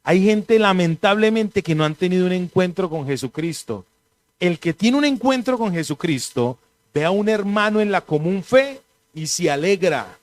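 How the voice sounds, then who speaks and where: A pastor preaches in a loose, conversational way. His voice sits high for a man, and he tells animated stories with a joking edge. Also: normal speed. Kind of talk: conversational sermon.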